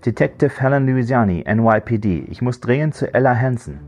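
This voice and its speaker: A man's voice: mid-range voice, lively intonation, fairly quick, darkish tone, pitched above the performer's own voice. A man voicing a small, anxious woman police detective in an audiobook. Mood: urgent. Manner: urgent, anxious.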